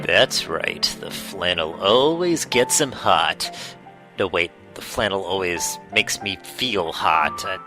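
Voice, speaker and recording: A man's voice: sits low, expressive, takes it slowly. A man making sarcastic, wisecracking comments as he riffs over a film. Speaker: movie riffer. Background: film soundtrack music.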